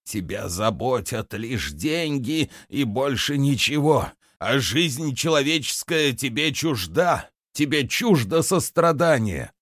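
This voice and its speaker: A man voicing a frail old hermit herbalist in an audiobook, speaking softly and pleading. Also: mid-range voice, expressive, takes it slowly, hardly any pauses, no room sound, clean studio sound, pitched above the performer's own voice. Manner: soft, urgent, pleading. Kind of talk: audiobook character reading.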